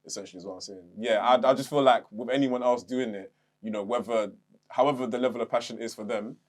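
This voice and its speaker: A young man talks in a casual podcast, his voice sitting at a middle pitch. He is animated and talks straight, acting out his own inner voice and swearing freely. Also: fast talker. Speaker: podcast co-host. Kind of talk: casual chat.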